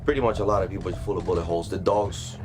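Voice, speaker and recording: Man, 30s, steady interview telling, flat delivery, background music. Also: low voice, racing. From Colombia. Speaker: security company owner. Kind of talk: documentary interview. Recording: music underneath.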